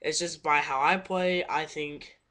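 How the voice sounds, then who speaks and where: A man's voice: on the high side, fairly even intonation, unhurried, pushed and bright. Rambling teenage boy on a webcam. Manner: rambling, self-correcting, apologetic. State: out of breath. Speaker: paintball vlogger. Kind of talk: casual webcam tips talk.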